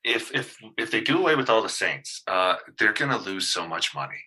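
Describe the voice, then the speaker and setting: A man's voice: lowish voice, expressive, normal speed, bright, forceful tone, slightly rough, poor audio. A male pastor in casual discussion, talking hesitantly with many fillers and restarts.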